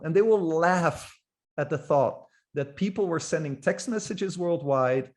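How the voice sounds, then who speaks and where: A man's voice: fairly high pitch, a little mellow. Enthusiastic man giving a talk. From Netherlands. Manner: enthusiastic, informal, occasional restarts. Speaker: guest speaker. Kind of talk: presentation talk.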